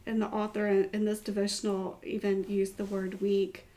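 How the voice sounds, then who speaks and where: A woman's voice: medium pitch, completely flat delivery, moderate pace, slight background noise. A woman from the United States talking encouragingly in a casual devotional discussion. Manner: warm, encouraging, affirming.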